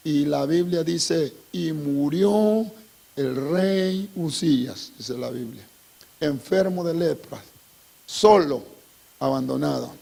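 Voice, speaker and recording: A male pastor preaching a sermon in a church, who breaks into sudden shouts and dramatic acted dialogue and keeps calling out "hermano". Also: a little high, creaky, breathy edge.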